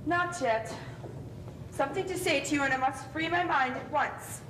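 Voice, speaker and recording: Lady acting a bossy rich old aunt like an old tycoon, high voice, scolding on stage, echoey far off mic. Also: normal speed, lightly acted. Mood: imperious. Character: stern, wealthy, domineering old aunt. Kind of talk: amateur stage play acting. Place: theatre stage, indoors. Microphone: far camera. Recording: noisy, rumbling, echoey distant stage recording.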